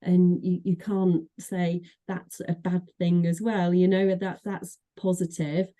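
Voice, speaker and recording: A middle-aged Mancunian woman from Manchester, England, an association executive director, is a guest on a podcast interview. Her voice is warm and on the low side with little pitch movement, and she talks slowly and chattily with many fillers and restarts.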